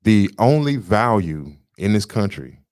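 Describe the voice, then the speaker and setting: Deep-voiced lecturing man, emphatic. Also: sing-song, a little slow, darkish tone, dry recording, studio quality. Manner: emphatic, lecturing, repeats points. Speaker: podcast co-host. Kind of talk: casual political talk.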